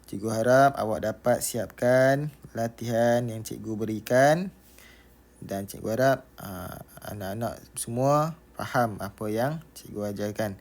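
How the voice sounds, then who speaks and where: A man's voice: lowish voice, a little slow, a little mellow. A man with a Malaysian Malay accent, a teacher patiently talking students through a maths lesson step by step, repeating key words.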